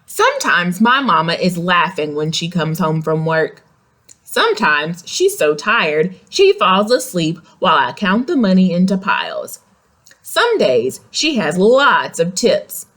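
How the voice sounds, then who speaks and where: Reading aloud to young kids, this woman brings a picture book to life with simple questions and little explanations along the way. She speaks at a measured pace in a lowish, slightly bright voice that is very animated.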